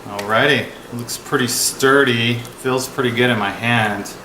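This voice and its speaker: This product review host speaks a little slowly in a medium-pitched voice with fairly even intonation and a pushed, bright quality. His hands-on review is casual, rambling and offhand, recorded in an echoey room where background noise is clearly audible.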